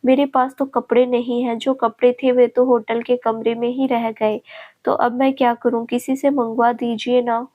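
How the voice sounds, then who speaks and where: A woman's voice: a little high, flat delivery, normal speed, phone-quality sound, natural voice. A woman voicing a young bride in a storybook reading, polite with a teasing edge. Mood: pleading. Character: young bride, meek but quick-tongued.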